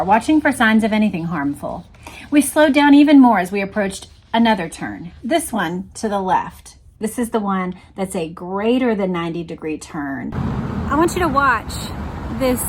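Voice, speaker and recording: Against a noisy background, a woman with a high voice reads a book aloud. She regularly breaks off to explain passages and point things out to the viewer.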